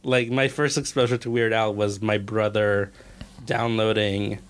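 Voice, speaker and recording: A man's voice: lowish voice, level tone, unhurried. A young man from Israel in casual podcast chat, rambling through stories and laughing often.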